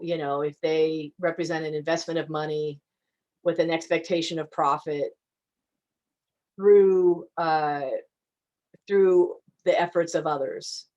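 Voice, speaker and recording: A woman attorney, appearing as a guest, answers audience questions conversationally but hesitantly, with many fillers and restarts. Her voice sits low and is a little mellow, and the recording is rough.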